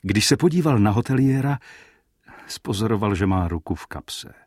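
A man with a husky voice giving expressive scripted narration of an old-fashioned story. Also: lowish voice, no echo, clean studio sound. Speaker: audiobook narrator.

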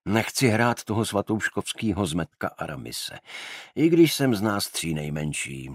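A man's voice: on the low side, big pitch swings, no echo, voice pushed up. A man voicing a wry, teasing male detective in an audiobook, speaking with dry humour. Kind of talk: audiobook character voice.

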